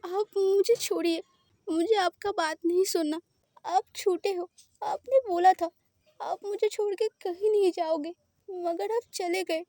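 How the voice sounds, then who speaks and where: A woman's voice: very high-pitched, flat delivery, a little slow, warm tone, no echo, clean studio sound, voice pushed up. A woman voicing a frightened, tearful young woman who pleads in a crying voice. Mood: tearful, pleading. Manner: sobbing, pleading voice.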